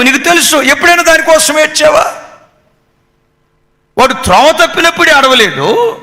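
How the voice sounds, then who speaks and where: High bright impassioned pastor, echoing hall. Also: male voice. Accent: Telugu. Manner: impassioned preaching, repeated questions, sudden drops to hushed low prayerful tones. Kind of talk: emotional sermon.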